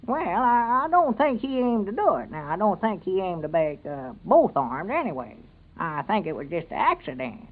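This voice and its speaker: An actor playing a sheepish, bumbling country husband, high-voiced and hesitant, with a rural Southern American accent in a radio comedy. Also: male voice, very animated, normal speed. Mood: flustered, hesitant. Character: sheepish, evasive country husband and bumbling small-town constable. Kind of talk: old-time radio comedy serial acting. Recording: narrow, tinny vintage radio recording.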